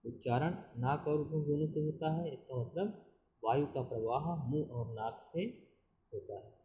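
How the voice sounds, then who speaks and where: A male school Hindi teacher giving a classroom grammar lesson, explaining slowly and repeating definitions with checking fillers. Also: fairly high pitch, dark tone, echoey room, low-quality recording.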